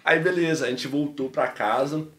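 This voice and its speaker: A Brazilian man with a Mineiro accent, a podcast guest telling a personal story in an animated, slangy way. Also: a little high, moderate pace, reverberant, over a noisy crowd. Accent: Mineiro Brazilian Portuguese. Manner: animated, slangy, peppers speech with "mano" and "velho". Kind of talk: casual storytelling testimony.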